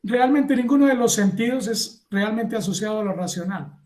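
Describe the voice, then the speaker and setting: A man giving a university lecture, lively, acting out little scenes and asking the class if they follow. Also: high-pitched, moderate pace, echoey room. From Colombia. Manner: animated, acts out little scenes and asks the class for agreement.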